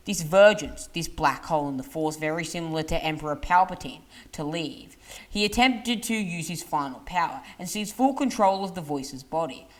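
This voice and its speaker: A woman narrating a lore video from a script, leaning hard on dramatic phrases, with small restarts. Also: low voice.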